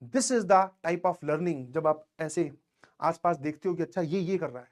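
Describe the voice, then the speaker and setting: High-voiced male teacher, chatty pep talk. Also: lively intonation, unhurried. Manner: conversational, keeps checking in with listeners; tells personal anecdotes. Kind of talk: motivational talk to students.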